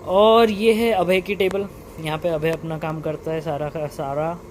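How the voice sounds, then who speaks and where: A man's voice: on the high side, fairly even intonation, a little slow. A young man giving a casual vlog tour, informally mixing in English technical terms, his voice slightly muffled by a face mask. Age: young adult. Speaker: vlogger and lab researcher. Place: indoor research lab. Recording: muffled by mask, clear equipment hum. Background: running lab equipment and air conditioning hum.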